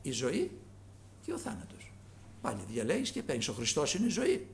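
A male preacher delivering a sermon with a high, gravelly voice. His pitch leaps up and down with animated swings. He moves from loud calls to hushed near-whispers. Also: slight background noise.

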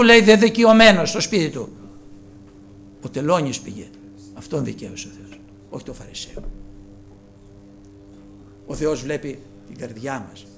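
A man preaching a sermon, earnest, calling his listeners brothers and moving between soft, low passages and raised ones. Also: creaky, a little hiss or hum.

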